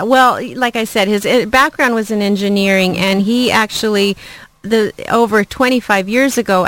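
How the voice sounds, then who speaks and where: Woman guest, charity officer, from Ecuador; earnest, halting with fillers, medium pitch, dry close mic. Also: a bit bright, smooth, no echo, poor audio. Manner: earnest, many fillers and restarts. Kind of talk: interview answers.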